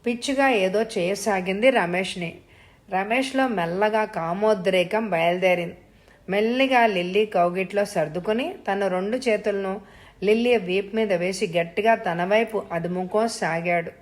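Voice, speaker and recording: A woman storyteller giving a measured, expressive scripted narration of a suspense audio story. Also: mid-range voice.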